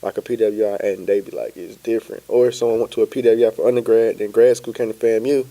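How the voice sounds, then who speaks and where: A young man from Florida, a podcast guest telling his story in an easygoing, relaxed way. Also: on the low side, quick pace. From Pensacola, Florida. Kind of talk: casual interview chat.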